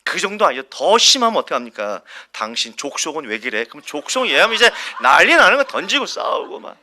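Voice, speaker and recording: A man's voice: high voice, big pitch swings, fast talker, pushed and bright. A male pastor preaching a Sunday sermon at a church service. He talks animatedly, asks the congregation questions and acts out everyday quarrels with a chuckle.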